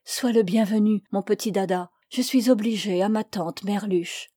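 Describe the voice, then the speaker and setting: A woman's voice: mid-range voice, moderate pace, warm tone, no echo, clean studio sound, close to an everyday voice. A woman reading as a clever young princess. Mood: tender.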